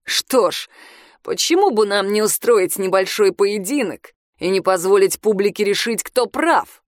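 A woman voicing a drunk, crude, boastful high-school heartthrob boy in a storybook reading, loud and drawn-out. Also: animated, no room sound, clean studio sound, natural voice.

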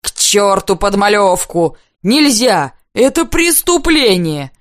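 A woman reading aloud, voicing an excitable young male painter who exclaims in frantic rapture, close to tears. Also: medium pitch, slow pace, dry recording. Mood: frantic, rapturous.

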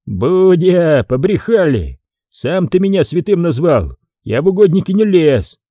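A man doing a gruff, mocking plague-cart driver. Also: fairly high pitch, big pitch swings, measured pace, warm tone, no room sound, pitched above the performer's own voice. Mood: angry. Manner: rough, mocking folk speech.

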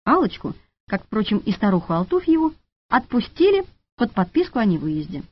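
A woman narrating an audiobook with a lively, expressive delivery. Her pitch moves up and down a lot. The studio recording is dry and a little dull. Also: brisk, breathy edge, no room sound.

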